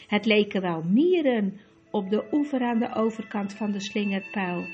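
A woman reading a storybook aloud in a measured way. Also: mid-range voice, slightly rough, muffled recording. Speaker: audiobook narrator. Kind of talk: storybook narration.

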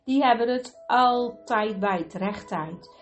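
Woman voicing storybook one-footed creatures, high-pitched, eager, repetitive, soft music underneath. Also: slow pace, lo-fi sound. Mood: eager agreeing. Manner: eager, echoing, repeating each phrase twice. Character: silly bouncing one-footed creatures, a chorus always agreeing.

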